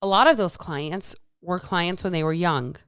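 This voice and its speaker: A woman of about forty with a clear, smooth voice in a dry, close recording. She is wearing retainers, which slightly alters her speech. She talks like a candid podcast host, casual and emphatic, with swearing and repeated phrases. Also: lowish voice, normal speed, a bit bright, dry recording. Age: around 40. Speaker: podcast host, health coach. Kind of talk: casual solo monologue telling a story with lessons.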